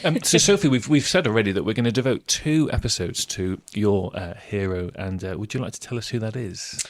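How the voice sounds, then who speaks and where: Podcast host: man, lowish pitch, brisk delivery, upbeat conversational interviewer. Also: expressive.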